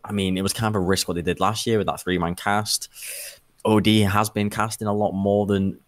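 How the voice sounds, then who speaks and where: A man's voice: fairly low pitch, flat delivery, a little fast, no echo. A man co-hosting a casual gaming podcast, thinking aloud as he talks. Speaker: podcast co-host.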